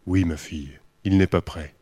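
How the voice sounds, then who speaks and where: A wise old silver seal from a storybook speaks with a very low, deep voice, played by a man. His words are solemn and measured, like an elder giving judgment. The recording is close and dry, with no room sound. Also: fairly even intonation, dark tone, slightly rough, dry recording. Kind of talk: storybook voice acting.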